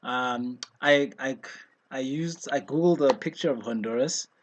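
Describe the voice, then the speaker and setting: A man's voice: medium pitch, unhurried, slight background noise. A man from South Africa hosting a casual online chat show, talking in a loose, rambling way with many fillers and restarts. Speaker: host. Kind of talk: casual video-call chat.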